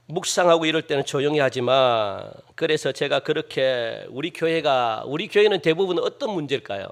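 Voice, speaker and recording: A male pastor preaching a sermon, questioning his congregation and acting out loud, pleading prayers with strong emphasis. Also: fairly high pitch, animated, moderate pace, creaky.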